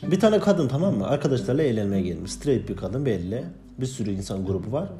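A man with a warm, mellow voice retells a rough shift at a bar in a casual, agitated way, often rising in indignation. Faint guitar music plays under his voice. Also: medium pitch, big pitch swings, fast talker. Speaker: bar floor staff telling a story. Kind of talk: casual storytelling vlog.

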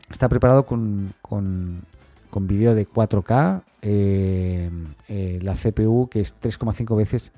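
With a lowish, mellow voice and no echo, a man runs a solo tech news podcast. He talks informally and haltingly, thinking out loud and frequently adding small questioning tags.

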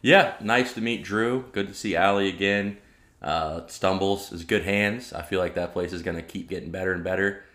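A man's voice: low voice, moderate pace, a bit bright. A man, co-hosting a casual podcast in an easygoing, chatty way. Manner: easygoing, reminiscing, says "man" and "dude". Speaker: podcast co-host. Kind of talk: casual chat.

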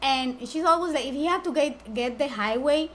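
Chatty woman with a high voice. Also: normal speed, a little hiss or hum. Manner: emotional storyteller, acts out phone calls. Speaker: podcast guest. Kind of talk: casual chat.

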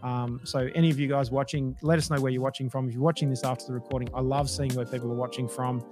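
A man's voice: medium pitch, flat delivery, fast talker, a little mellow, soft background music. A man hosting a casual business livestream. He rambles with many fillers and restarts, and his voice is starting to go. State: losing his voice. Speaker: livestream host.

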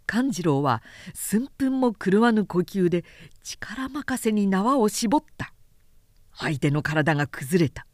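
A woman narrates a literary story as a dramatic audiobook reader and announcer, measured and expressive in her storytelling. Her pitch is medium, and the clean studio recording has no room sound.

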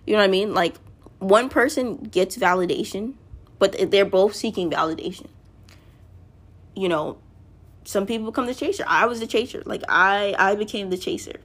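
A woman's voice: mid-range voice, normal speed, fairly bright tone. Rambling woman chatting to her listeners. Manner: rambling, self-correcting, often addresses listeners directly. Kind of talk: casual monologue to listeners.

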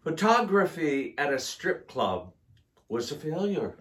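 Slow, playful man telling jokes. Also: heavy background noise. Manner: slow, playful joke-telling with lively pitch. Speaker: co-host. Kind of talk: casual comedic chat.

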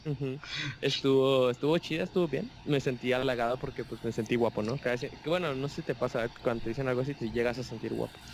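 Young Mexican man, animated storyteller in a casual chat, light background hiss. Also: mid-range voice, fast. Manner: animated storyteller, acts out voices of others.

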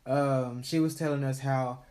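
A man in casual chat, talking in a relaxed, rambling way full of fillers. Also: mid-range voice, unhurried.

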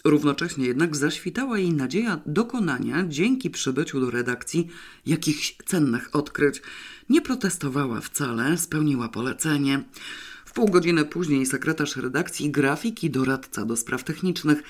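A man reading a comic novel aloud as narrator, in an even, wry manner. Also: on the high side, normal speed. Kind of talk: audiobook reading.

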